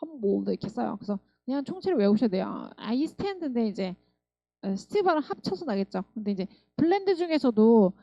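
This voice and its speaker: Woman teacher drilling pronunciation, lively swoopy voice, mellow tone, kinda dull lo-fi sound. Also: fairly high pitch, moderate pace, gravelly, no room sound. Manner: drills words by repeating them. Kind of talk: language lesson.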